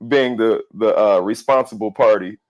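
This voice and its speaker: A man in his forties hosting a podcast interview, easygoing and quick to laugh. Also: on the low side. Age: 40s. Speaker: podcast host. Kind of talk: casual interview chat.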